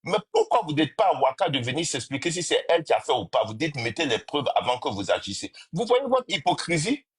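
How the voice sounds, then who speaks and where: A man's voice: a little high, very animated, fairly quick, hardly any pauses, slightly rough. A man delivering an accusatory rant on a live stream, hammering the listeners with rhetorical questions. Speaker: panel participant in a live stream. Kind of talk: ranting monologue on a live stream.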